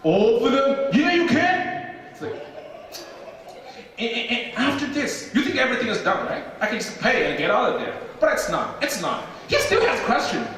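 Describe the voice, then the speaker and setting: Recorded from afar in a reverberant theater, this young Chinese comedian talks a little fast in an extremely high-pitched voice. Speaking with a Chinese accent, he tells lively stand-up stories and impersonates the characters in them.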